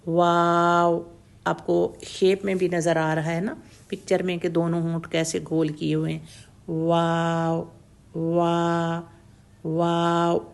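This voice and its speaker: A woman teaching tajweed pronunciation, slowly and patiently demonstrating each letter sound over and over and checking that the learner follows. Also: on the low side, little pitch movement, creaky, darkish tone. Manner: mixes English words into Urdu, checks in with "theek hai?". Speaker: Quran recitation teacher.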